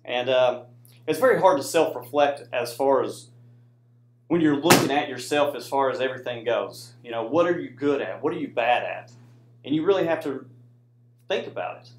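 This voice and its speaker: In an echoey indoor room, a medium-pitched American man, a soldier and student presenter, delivers a casual slide presentation to an audience. He keeps it conversational and keeps checking in with listeners by tacking "right?" onto his points.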